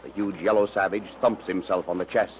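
A man's voice: low-pitched, fairly even intonation, brisk. A man giving formal, dramatic scripted narration in the style of a 1930s radio serial. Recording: dull, noisy old radio recording.

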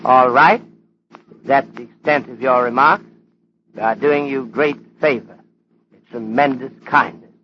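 Philosophical Chinese detective, played by a man: ornate, measured phrasing, mid-pitched, muffled old radio-play recording. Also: a little hiss or hum, close to an everyday voice. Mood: chiding. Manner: formal, deliberate, ornate speech dropping articles. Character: courteous, stern, philosophical Chinese police detective. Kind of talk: old radio drama acting.

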